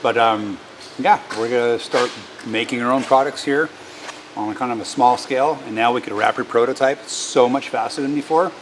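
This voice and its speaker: A man's voice: medium pitch, normal speed, background noise. A man chatting casually in a machine shop, rambling with fillers and restarts as he shows off new equipment.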